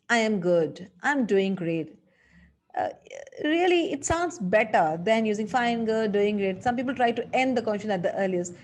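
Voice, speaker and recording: A woman's voice: medium pitch, a little mellow. A woman teaching a lesson as a communication coach, acting out sample phrases with changing tone. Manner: instructive, demonstrates phrases with exaggerated tone shifts. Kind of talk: spoken English lesson.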